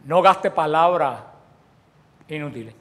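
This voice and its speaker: A man preaches slowly with lively intonation, his voice on the high side. He puts questions to his listeners and then answers them, often starting phrases over and moving between loud and quiet.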